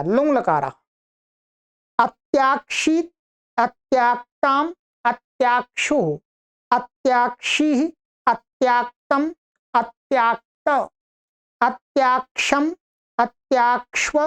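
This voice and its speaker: A woman teaching an online grammar lesson, reciting verb conjugations in a slow, measured list. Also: on the high side, smooth. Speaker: Sanskrit teacher.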